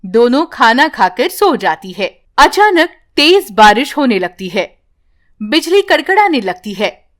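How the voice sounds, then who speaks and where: Woman reading a bedtime story, high voice, slow and calm. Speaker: narrator.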